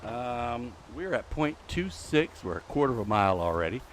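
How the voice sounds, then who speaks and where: A middle-aged man hosts a live gameplay stream, breathless from walking on a treadmill as he chats in a rambling way and talks to the game's mobs. His medium-pitched voice is sing-song at a moderate pace, with slight background noise.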